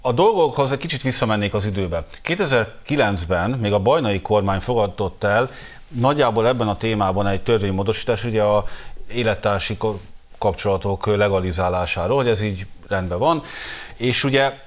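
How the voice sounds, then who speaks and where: A man debating as a journalist guest on a political talk show, arguing at length with frequent fillers. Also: on the low side. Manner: argumentative, hesitant with fillers.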